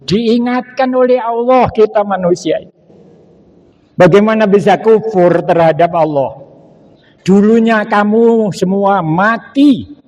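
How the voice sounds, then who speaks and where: An older man with a Javanese accent delivers a sermon. He speaks slowly and deliberately, and his voice sits fairly high for a man. He tells stories and breaks into Arabic recitation. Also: a little mellow, highs cut off. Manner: slow storytelling, mixing Javanese phrases and Arabic recitation. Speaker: preacher.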